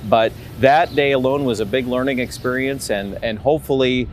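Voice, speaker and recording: A man's voice: medium pitch, moderate pace, a little hiss or hum. An American man, a meteorologist, reflecting on past experience in an interview.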